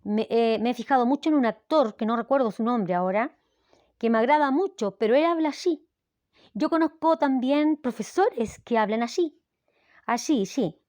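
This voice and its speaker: A middle-aged Chilean language teacher with a Chilean Spanish accent explains a recorded lesson in a fairly high, animated, slightly mellow voice at a moderate pace. There's no echo, and she checks in with students often, saying "¿ya?"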